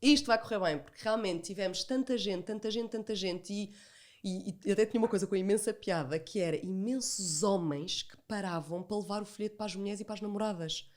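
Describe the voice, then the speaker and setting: Talking a little fast in a medium, slightly mellow voice, this entrepreneur guest on a podcast has a European Portuguese accent. She's chatty and animated as she tells her stories, voicing remembered conversations and repeating phrases to stress them.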